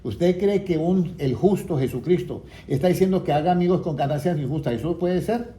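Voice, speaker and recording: A man's voice: a little high, brisk, mellow. A man teaching the Bible to a small group, often asking them questions and waiting for answers. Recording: echoey room with faint background noise.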